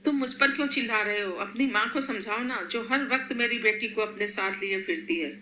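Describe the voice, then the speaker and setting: A woman voicing a sharp-tongued, short-tempered young mother in a storybook reading, in an echoey room. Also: medium pitch, a little fast, a little hiss or hum, lightly acted. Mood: irritated. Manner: scolding, snappish.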